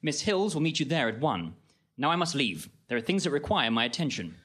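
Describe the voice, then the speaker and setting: A man voicing a confident, wry male detective in a comedy audio drama, brisk and teasing. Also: a little high, big pitch swings, a bit bright, husky, heavily acted.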